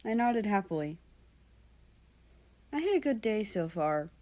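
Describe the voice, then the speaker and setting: An amateur reader with a mid-range voice narrates fiction, expressive and unhurried, acting out the dialogue as she goes.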